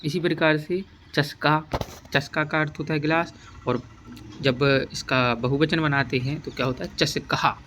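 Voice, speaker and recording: A man's voice: on the high side, steady tone, moderate pace, sharp tone, a little hiss or hum. A man teaching a primary-school lesson, explaining step by step, saying each word aloud and asking questions as he goes. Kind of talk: classroom lesson walkthrough.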